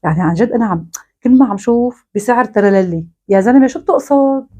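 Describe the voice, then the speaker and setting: Syrian lady ranting to camera, mocking tone, talks really fast. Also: a little high, lively intonation, warm tone. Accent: Syrian Arabic. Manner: mocking, scolding, ironic. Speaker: online commentator. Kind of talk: sarcastic monologue to camera.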